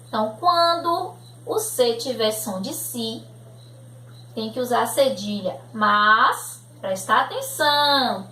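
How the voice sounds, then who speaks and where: A woman's voice: a little high, pushed and bright, a little hiss or hum. A woman teacher with a Brazilian accent, patiently explaining a grammar lesson for young children and often checking that they follow. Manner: slow, patient, checks in with "né?" and "tudo bem?". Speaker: primary school teacher. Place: room at home. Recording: echoey room recording.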